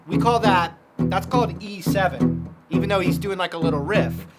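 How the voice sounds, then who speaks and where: A man's voice: sits high, moderate pace. A man teaching a casual guitar lesson, explaining chords step by step with lots of fillers.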